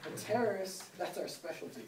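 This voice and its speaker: A young woman student playing a cocky, fight-hungry special-forces soldier in a lowered voice. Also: animated, brisk, natural voice. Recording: echoey classroom, distant mic, noisy.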